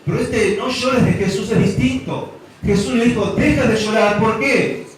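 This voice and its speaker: A man's voice: very high-pitched, measured pace. A man, preaching a sermon, asking rhetorical questions and building emphasis. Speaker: pastor. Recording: echoey hall from far off.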